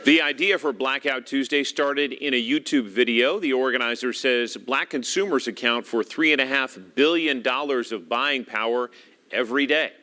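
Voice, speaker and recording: A man reading scripted local news as an anchor, polished and clearly projected. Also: mid-range voice, moderate pace, sharp tone.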